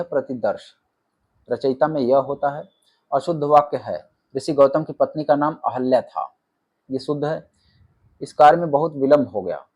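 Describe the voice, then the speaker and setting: A man teaching an exam-prep class, reading out multiple-choice options and then stating which one is correct. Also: mid-range voice. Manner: reads options, then states the answer flatly. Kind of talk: rapid-fire quiz answer walkthrough.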